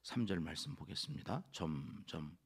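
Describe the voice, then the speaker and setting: A male pastor giving an early-morning sermon in a church, lively and acting out what others say. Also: deep voice, moderate pace, gravelly, husky. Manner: lively, acts out quoted speakers. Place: church sanctuary.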